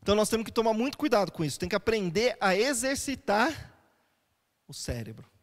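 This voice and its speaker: A man's voice: sits high, sing-song, brisk, in a large hall. A man, a pastor, preaching a conversational sermon in a church and posing rhetorical questions to his listeners.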